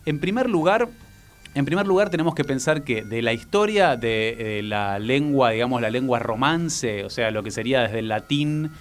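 A man's voice: medium pitch, animated. A man from Argentina with a Rioplatense accent, a teacher explaining things patiently and often checking in with "¿no?". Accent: Argentine Rioplatense Spanish. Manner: patient, measured, frequent "eh" fillers and "¿no?" tags. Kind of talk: explanatory educational talk.

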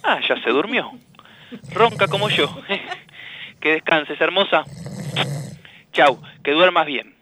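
A man playing a caring father with a Rioplatense accent in a school radio play, speaking softly and coaxingly. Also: on the high side, lively intonation, takes it slowly, long pauses, full character voice, poor audio. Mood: tender. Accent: Rioplatense Spanish. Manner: soft-spoken, coaxing.

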